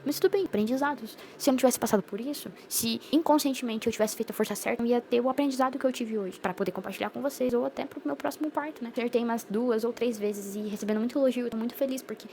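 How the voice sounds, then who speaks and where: Brief: young adult woman, very fast, chatty vlogger storytelling, mid-pitched, faint background noise. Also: darkish tone. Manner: chatty, rapid, full of fillers and slang. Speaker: vlogger sharing her birth story. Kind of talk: casual personal storytelling to camera.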